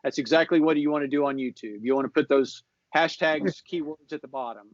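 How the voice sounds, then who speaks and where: A man's voice: on the high side, a little fast, no echo. Man as podcast marketing guest, easygoing explanations, dry lo-fi recording. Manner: relaxed, explanatory, restarts often. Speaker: social media marketing guest. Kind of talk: casual advice chat. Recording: dull lo-fi audio.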